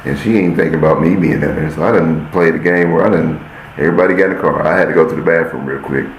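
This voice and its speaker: Deep gravelly man telling a story. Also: fairly even intonation, fast. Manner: addresses listeners as "y'all", acts out scenes while telling. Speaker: podcast host. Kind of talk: casual storytelling. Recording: roomy echo, faint hiss.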